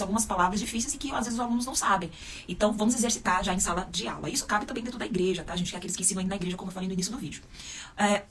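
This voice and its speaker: A woman's voice: mid-range voice, fairly bright tone, a little hiss or hum. A woman educator with a Brazilian Portuguese accent, giving spoken teaching tips to camera and often tagging her sentences with little check-in questions. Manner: peppers sentences with "né?" and "tá?" tag questions. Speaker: educator and psychopedagogue. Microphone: close to camera or phone mic.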